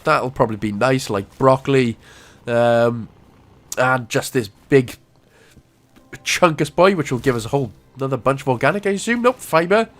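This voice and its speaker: A man, ill with a cough, giving a casual, jokey commentary over a game walkthrough. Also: medium pitch. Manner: jokey, animated, self-mocking asides.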